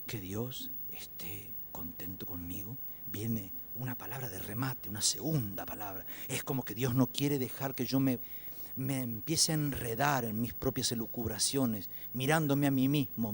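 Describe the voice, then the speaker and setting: Dramatic priest swinging between shouts and whispers. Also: male voice, mid-range voice, moderate pace, slight background noise. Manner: dramatic, swinging from loud exclamations to hushed whispers; speaks intimately to listeners, acting out scripture quotes. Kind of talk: guided prayer teaching.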